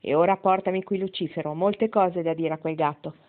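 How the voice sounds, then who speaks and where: A woman's voice: fairly low pitch, steady tone, brisk, lightly acted. A woman reading the part of a wry, spirited old grandmother near the end of her life, in a satirical tone. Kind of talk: audiobook reading. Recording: tinny phone-like sound.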